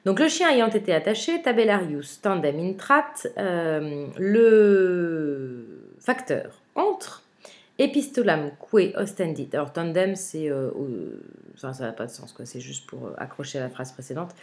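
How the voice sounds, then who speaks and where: Low-voiced woman teaching a Latin lesson. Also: lively intonation. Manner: hesitant, with frequent "euh" fillers and restarts; reads Latin slowly, then glosses it word by word. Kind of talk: remote lesson, explaining a translation.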